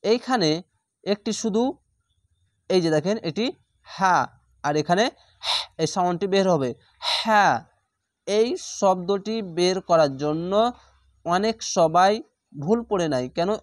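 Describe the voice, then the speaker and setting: A man teaching Quran reading in a slow lesson, spelling out each letter and vowel mark syllable by syllable and drawing out the sounds. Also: high voice, no room sound.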